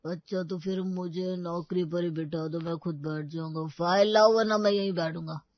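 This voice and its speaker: A muddled retired old father mumbles slowly as if half asleep, voiced by a woman narrator. The storybook recording is dull and dry. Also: fairly low pitch, steady tone, no room sound, lightly acted. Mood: drowsy confused. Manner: slow, drowsy and confused.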